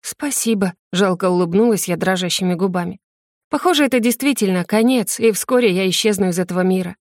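A woman narrating a first-person fantasy audiobook in a gentle, expressive storytelling manner. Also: mid-range voice, no echo, studio quality.

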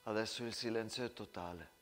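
A male stage storyteller tells a war story in a hushed, grave monologue. His voice sits low and soft, the pace unhurried, every short phrase weighted. The delivery is theatrical and intimate rather than loud. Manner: hushed, slow, grave narration. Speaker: storyteller and actor.

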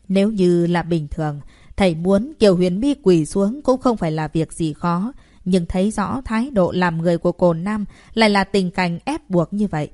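A woman reading a dramatic novel aloud as narrator, in a steady storytelling voice. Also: lowish voice, no room sound, clean studio sound. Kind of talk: audiobook narration.

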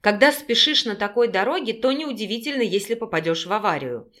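A woman narrating an audiobook in a steady, even storytelling voice. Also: mid-range voice, brisk. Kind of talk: scripted narration.

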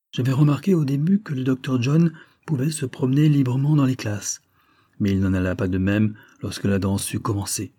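A man narrates a classic novel as an audiobook, reading in a measured, expressive way. His voice is on the low side and slightly rough.

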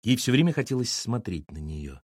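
Guy reading an audiobook, lively bouncy narration, dry close mic. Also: medium pitch, brisk, breathy edge, no echo. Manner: animated, expressive. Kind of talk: scripted narration.

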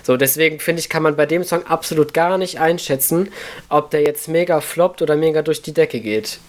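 A man's voice: on the high side, a little fast. A man co-hosting a podcast in casual chat, stating his opinions frankly. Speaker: podcast co-host.

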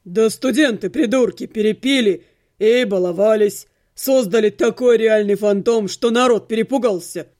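Woman doing a gruff mage man, lowered voice, offhand, fantasy audiobook. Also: moderate pace, darkish tone, close to an everyday voice. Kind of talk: audiobook character voice.

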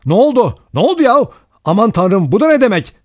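A man voicing a terrified young woman, shrill. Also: a little slow, a little mellow, husky, no echo, clean studio sound. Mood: hysterical. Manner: high-pitched, trembling, shrill cries. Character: frightened young woman, tense and shaken. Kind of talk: audiobook character voice.

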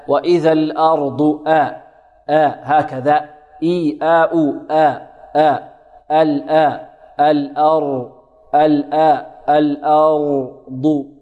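A man teaching Quran recitation rules, asking questions, answering them himself, and drawing words out slowly to demonstrate. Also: on the high side, fairly even intonation, a little mellow, in a large hall, muffled recording. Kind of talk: tajweed lesson with demonstrated recitation.

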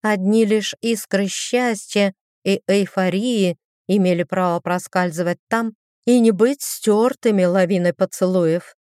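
A woman narrates a first-person romantic fantasy audiobook in an expressive, gently ironic storytelling voice. Her pitch sits in a middle range. The recording is dry and close, with no room sound. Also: measured pace, no echo.

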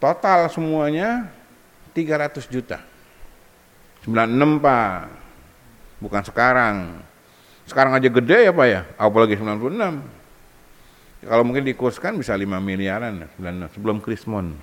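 A male preacher gives a light-hearted sermon, teasing the congregation and acting out scenes. His mid-pitched voice is very lively in melody. It rings out with the long reverb of a large hall. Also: moderate pace, long pauses. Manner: joking, animated storytelling with acted-out quotes. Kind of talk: humorous Islamic sermon.

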